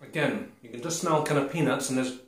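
A man in his forties chatting casually to camera as he tastes snacks, halting and muttering between bites. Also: medium pitch. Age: 40s. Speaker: food review vlogger. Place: small glazed conservatory. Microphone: camera a short distance away. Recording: roomy echo, clear background noise.

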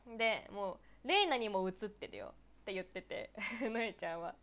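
A woman's voice: medium pitch, very animated, fairly bright tone. A young woman in her twenties from Niigata, chatting casually on her own live stream, answering viewer comments and giggling often. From Niigata, Japan. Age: 20s. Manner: giggly, laughs often between phrases; chatty and playful, quick reactions.

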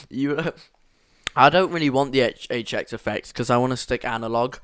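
Speaking at a moderate pace in a mid-range, slightly bright voice with no echo, this young podcast co-host rambles through casual chat. He's enthusiastic and full of fillers, sitting right up close to the mic.

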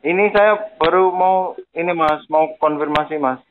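A man makes a prank phone call, playing a grateful victim and speaking politely but insistently, almost pleading. His voice is fairly high at a moderate pace, with crowd noise in the background.

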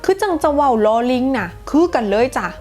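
Thai-accented woman teacher, slightly high voice, unhurried and playful, faint music behind. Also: sing-song, a little mellow. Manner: playful, demonstrates sounds slowly with repetition. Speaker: English teacher. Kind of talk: pronunciation lesson, casual. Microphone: close to the camera.

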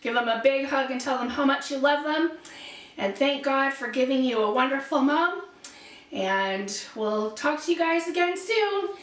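Cheerful high-voiced woman teaching kids. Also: expressive, moderate pace. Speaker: children's ministry host. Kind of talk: children's church cooking lesson. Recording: roomy, distant mic, faint noise.

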